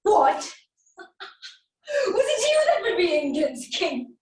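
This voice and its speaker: High-pitched, vengeful warrior queen. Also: very animated, a little mellow, full character voice. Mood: mocking. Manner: theatrical, taunting, drawn-out delivery with swings. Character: vengeful, mocking warrior queen taunting a captive. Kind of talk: classical Shakespearean stage monologue. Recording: echoey room, distant microphone.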